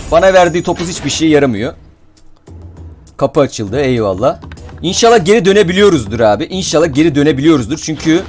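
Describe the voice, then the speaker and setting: Young male gamer host, lively and animated, raised voice, quick to yell at the game. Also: fairly high pitch. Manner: excitable, swears and shouts when frustrated. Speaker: gaming channel host. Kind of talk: casual gameplay commentary in Turkish.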